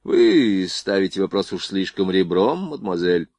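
A man's voice: sits low, animated, moderate pace, darkish tone, no echo. A man reading the lines of an ironic, worldly army officer with an evasive manner.

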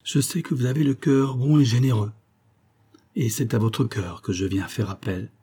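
A man's voice: medium pitch, steady tone, dark tone, husky, close to an everyday voice. A man reading a breathless young woman. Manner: hurried, urgent. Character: anxious young woman cousin, breathless and urgent.

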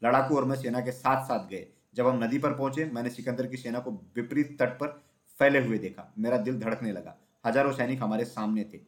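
Male storybook narrator, steady and even, mid-range voice. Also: medium pitch, brisk. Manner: steady, even reading with small slips.

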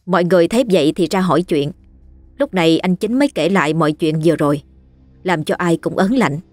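A narrator telling a ghost story in a steady, scripted way. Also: mid-range voice, fast, no echo, faint music behind.

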